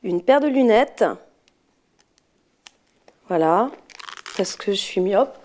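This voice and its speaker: A woman's voice: mid-range voice, animated, slow, darkish tone, slight background noise. A woman schoolteacher going through her handbag, amused and laughing at herself. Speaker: schoolteacher being interviewed. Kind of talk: casual talk while emptying her handbag.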